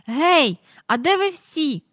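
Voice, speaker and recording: Woman putting on a super excited dad, all exclamations, high and loud. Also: takes it slowly, no room sound, clean studio sound, heavily acted. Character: excitable middle-aged father, bursting with wonder.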